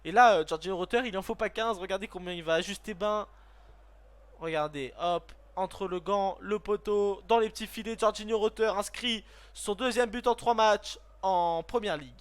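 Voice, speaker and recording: A man giving excitable play-by-play commentary on a football video game, bursting into shouts at goals and often stumbling over his words and correcting himself. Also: high-pitched, normal speed, smooth. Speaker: gaming YouTuber.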